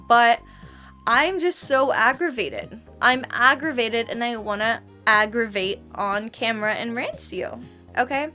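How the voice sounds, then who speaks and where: Her voice is fairly high and sharp in tone: a twenty-one-year-old vlogger and barista trainer with a slight lisp, ranting in a casual vlog about her job. She's exasperated and slangy and keeps checking in with "okay?"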